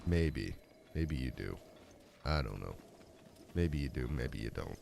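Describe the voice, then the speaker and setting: A man streaming live gameplay, talking and rambling to his chat, with a deep, raspy voice from a rough throat. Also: very animated, slow pace, darkish tone, slight background noise. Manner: rambling, humming along while playing.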